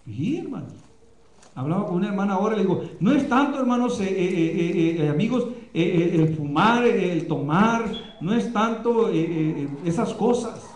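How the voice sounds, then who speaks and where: A male pastor preaching a sermon with passion, often pausing on fillers. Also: sits high, animated, darkish tone, echoey room. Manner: impassioned preaching, many filler pauses. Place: church, live streamed.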